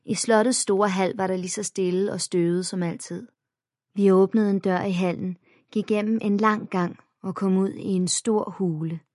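A woman narrating a first-person children's story in a plain, even storytelling manner. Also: mid-range voice, no echo, clean studio sound. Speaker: audiobook narrator.

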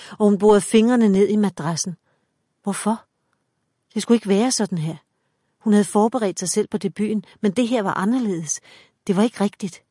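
A woman reading a dark story aloud in measured, dramatic scripted audiobook narration. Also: medium pitch, no echo, clean studio sound.

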